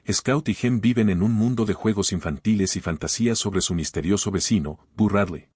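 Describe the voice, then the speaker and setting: A man hosting a podcast, reading scripted literary commentary in a measured, formal way and posing rhetorical questions. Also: low voice, darkish tone, breathy edge, no room sound, clean studio sound. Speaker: podcast host.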